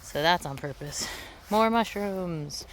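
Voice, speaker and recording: Low-voiced woman outdoors, tractor rumbling behind. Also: takes it slowly. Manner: self-deprecating, easygoing, offhand. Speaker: gardener giving a farm tour. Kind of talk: casual rambling garden vlog narration. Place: outdoors in a farm garden. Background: tractor rumbling, vehicle noise.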